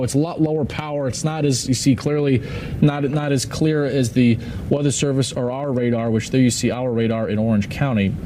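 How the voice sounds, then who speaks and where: A man's voice: a little high, noisy background. A man working as a TV meteorologist, talking through live storm coverage unscripted, thinking aloud and repeating points for emphasis.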